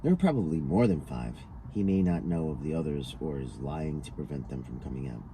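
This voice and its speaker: A man reads a written interview dialogue aloud, switching between the speakers' parts as he goes. His bass voice is warm, animated, and brisk, with noticeable background noise behind it.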